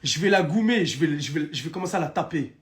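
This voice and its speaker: A man's voice: fairly high pitch, lively intonation, fast talker. A young man in casual live-stream chat, animatedly telling viewers his own story and addressing them directly.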